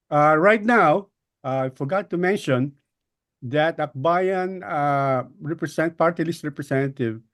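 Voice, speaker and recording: A mid-pitched man with a Filipino accent explains things as a guest speaker in an online meeting. He speaks hesitantly, pausing often and doubling back on words as he builds each point. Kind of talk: explanatory political talk. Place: online group call.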